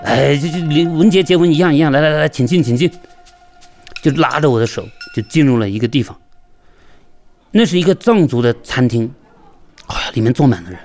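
A man from Yunnan, a local merchant, telling his own story in a lively, chatty way and acting out the dialogue. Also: a little high, a little fast, pauses often, faint music behind. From Yunnan, China. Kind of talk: storytelling interview.

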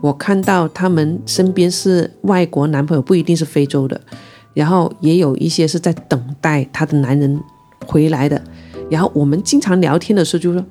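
A woman's voice: low voice, mellow, faint music behind. A woman from Guangzhou, reflectively telling her own love story. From Guangzhou, China. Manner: reflective, unhurried and emotional in recounting. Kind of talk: personal storytelling.

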